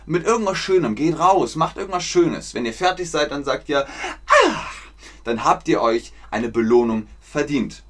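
Slow, clear man teaching German. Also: a little high. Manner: slow, clear, repeats words for learners; chatty, reads out viewer names from chat. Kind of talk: live-streamed language lesson.

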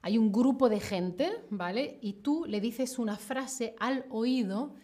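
A young woman teaching Spanish on a livestream, speaking slowly and clearly and playfully acting out examples. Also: fairly high pitch, dark tone. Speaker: Spanish teacher streaming live. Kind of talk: livestream language lesson.

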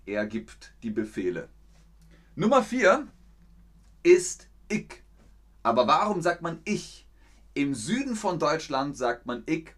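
A man teaching a live online language lesson, answering chat questions patiently and repeating example sentences clearly. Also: medium pitch. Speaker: German language teacher streaming.

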